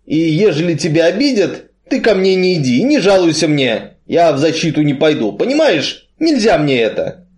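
A big, gloomy strongman with a muffled, blunt way of speaking, voiced by a man reading aloud. He talks slowly and heavily, and his voice sits a touch high. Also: big pitch swings, darkish tone. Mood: grim. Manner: muffled, blunt, slow and heavy.

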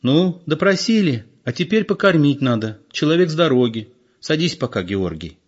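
A shrewd old village man grumbles and scolds in a gruff voice, as a male reader puts him on. He is a sly storybook elder. The recording sounds dull and lo-fi. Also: on the high side, sing-song, normal speed, pitched above the performer's own voice. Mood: wry.

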